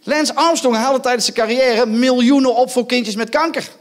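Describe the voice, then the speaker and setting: Male stand-up comic, high-pitched voice, loud and mocking, teasing the crowd from a theatre stage. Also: moderate pace. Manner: loud, mocking, goading the audience with rhetorical asides. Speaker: stand-up comedian. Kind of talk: live stand-up performance.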